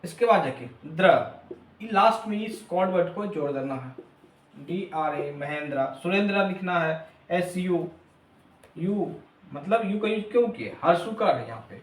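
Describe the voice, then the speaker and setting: A man's voice: high voice, reverberant, a little hiss or hum. A man teaching a lesson, spelling letters out one by one. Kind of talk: classroom lesson.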